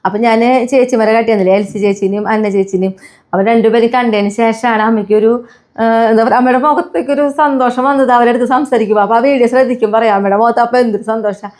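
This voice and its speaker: A chatty woman vlogger with a Kerala Malayalam accent talks quickly and warmly straight to her viewers, her voice sitting a little high. She keeps tossing friendly asides to the audience as she goes. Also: fairly even intonation. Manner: soft baby-talk when addressing her pets. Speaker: family vlogger. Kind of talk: casual vlog talk to camera.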